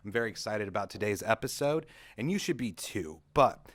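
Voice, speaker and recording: A man's voice: fairly low pitch, lively intonation, a little fast, a bit bright. A young adult man hosting a comedic rant vlog, telling a mock-dramatic story with sarcasm in a recording studio. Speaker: vlog host.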